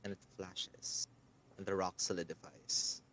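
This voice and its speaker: A man running a tabletop role-playing game as game master, narrating dramatically with pauses. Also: low voice, flat delivery, a bit bright, slight background noise.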